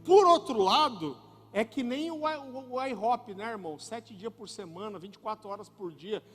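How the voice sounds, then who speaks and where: A male pastor preaching a sermon, an animated, joking storyteller who keeps calling the audience brother. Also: sits high, normal speed, slightly rough. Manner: turns soft and hushed near the end. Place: church hall. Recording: reverberant church hall with music.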